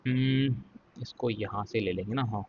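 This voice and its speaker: Speaking in a lowish, somewhat dark voice, a stock trading educator breaks down charts step by step in an informal lesson, checking in with the listener, saying "ठीक है" again and again, and noting he'll speak slowly. The sound is lo-fi with slight background noise.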